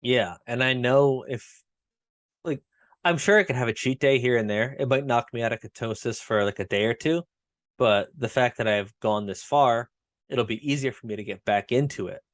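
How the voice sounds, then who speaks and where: A man's voice: medium pitch, moderate pace, dry recording, studio quality. A man co-hosting a casual podcast, blunt and self-mocking, swearing easily. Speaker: podcast co-host. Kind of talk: casual chat.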